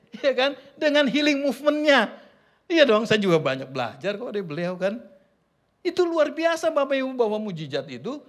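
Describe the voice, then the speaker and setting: A man's voice: extremely high pitch, a bit bright. A man preaching, telling humorous stories and often calling out to the congregation. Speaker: pastor. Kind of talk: sermon. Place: church service.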